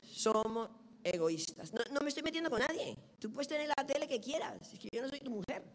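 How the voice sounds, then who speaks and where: A middle-aged woman preaching a sermon. She tells stories with lively quoted dialogue. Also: sits high, brisk, a little hiss or hum.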